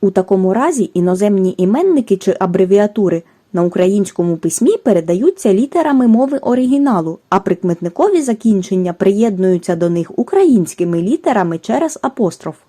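A woman giving a scripted language lesson, reading rules and examples in a careful, measured way. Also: mid-range voice, lively intonation, mellow. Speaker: language teacher. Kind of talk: scripted educational narration.

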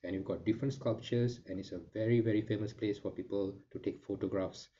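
A man's voice: fairly low pitch, steady tone, quick pace, warm tone, muffled recording, a little hiss or hum. A young man hosting a casual travel vlog, explaining things in a friendly way with some fillers. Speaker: vlog host.

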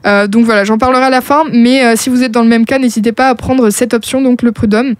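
A woman podcast host speaks in a chatty, reassuring way, talking straight to the listener. Her voice sits a little high. The recording is dry and close, with no room sound. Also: fairly even intonation, fast talker, no room sound. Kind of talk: casual advice podcast.

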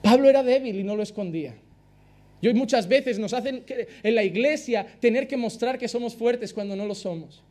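A male pastor delivers a fervent sermon. His voice sits unusually high, and he drives his points home by repeating phrases again and again. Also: moderate pace, a little mellow. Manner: impassioned preaching, repeats phrases for emphasis.

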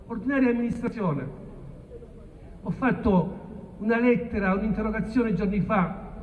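A man with a southern Italian accent from Salento giving a booming, declamatory political speech at an outdoor rally. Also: moderate pace, narrow, tinny audio. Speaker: local politician addressing a rally. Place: open town square at night, far from the camera. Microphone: distant phone camera picking up the speech. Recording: echoey, distant, noisy outdoor phone recording.

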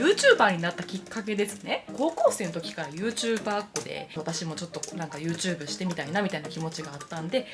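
A young woman with a Kansai Japanese accent, chatting playfully through viewer questions in a vlog. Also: on the low side. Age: young adult. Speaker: YouTuber. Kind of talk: casual Q&A vlog. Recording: music playing underneath.

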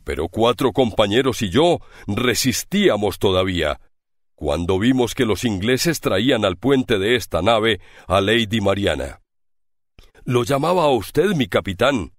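A man voicing a loyal pirate sailor speaking to his captain with deep emotion. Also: dry recording. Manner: emotional, devoted.

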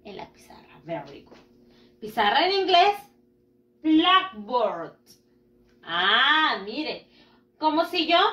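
High, lively teacher drilling slowly. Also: female voice, lo-fi sound. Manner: slow, drawn-out drilling with repeat-after-me prompts; switches between English and Spanish, praising often. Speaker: primary school English teacher. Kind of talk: bilingual classroom teaching video. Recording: echoey room, mic at a distance.

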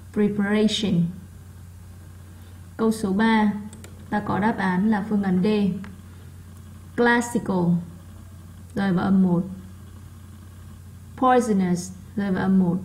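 A woman whose first language is Vietnamese, teaching English and going over a workbook test. She reads words slowly with marked stress so students can repeat them. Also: medium pitch, warm tone, poor audio. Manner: drills pronunciation, reading words slowly with stress. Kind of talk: classroom lesson explanation.

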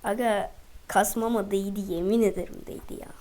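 A woman's voice: mid-range voice, steady tone, fairly quick, a crowd in the background. A woman chatting casually to viewers over gameplay, constantly addressing them as she plays. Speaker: gaming channel host.

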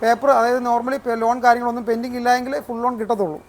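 Kerala used car seller rattling off details super fast, malayalam english mix, bit of background noise. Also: medium pitch, level tone. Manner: mixes English car and finance terms into Malayalam. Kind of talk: casual sales walkthrough.

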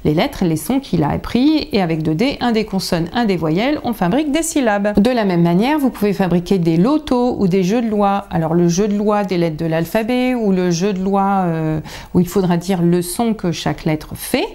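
A woman from France, a teacher and coach, explaining reading tips to parents in a chatty video lesson, with many filler pauses. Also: mid-range voice, expressive, dark tone.

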